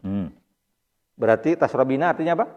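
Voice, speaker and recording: A man with a Sundanese accent teaches Arabic grammar in a mosque, pausing often to address his listeners politely and check they follow. His voice carries a long reverb from the hall around him. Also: medium pitch, animated, a little mellow, muffled recording. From Indonesia. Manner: explains patiently, often addressing listeners as "Pak". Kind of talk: mosque study-circle lesson.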